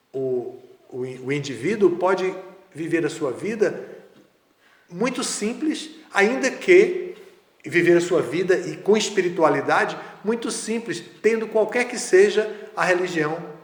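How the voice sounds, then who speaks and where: A man giving a spiritual lecture in a measured, conversational way with casual asides. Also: sits high. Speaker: spiritual teacher. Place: lecture hall. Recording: echoey hall, roomy reverb.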